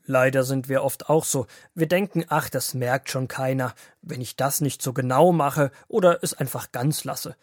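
A man narrating as a grandfather figure, reading a Bible story aloud in a calm storytelling manner for a children's audio drama. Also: medium pitch, moderate pace, few pauses, no echo, studio quality, lightly acted.

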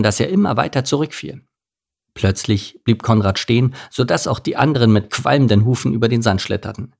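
Gravelly-voiced man reading a storybook. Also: mid-range voice, darkish tone. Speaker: narrator.

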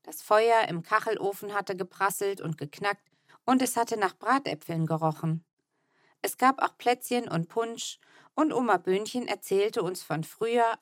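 A woman's voice: medium pitch, dry recording. Woman reading a children's story, dry sound. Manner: even, tender storytelling in the first person. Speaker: audiobook narrator. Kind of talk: scripted narration of a children's book.

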